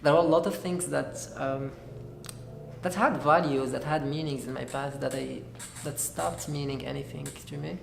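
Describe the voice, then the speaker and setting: A man's voice: on the high side, fairly even intonation, vocal fry. Earnest young man, echoey room. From Algeria. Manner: earnest, halting, searching for words. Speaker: graduate student giving testimony. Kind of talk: personal testimony. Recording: echoey room with faint noise.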